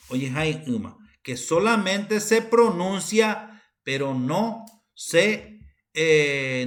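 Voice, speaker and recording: A woman teacher with a Paraguayan accent giving a recorded university lecture, unhurried and halting, often repeating her phrases. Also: low voice.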